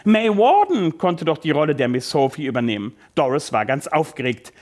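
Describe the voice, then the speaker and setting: A man reading from his own book aloud, lively storytelling with the occasional slip. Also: fairly high pitch, moderate pace. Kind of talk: live literary reading.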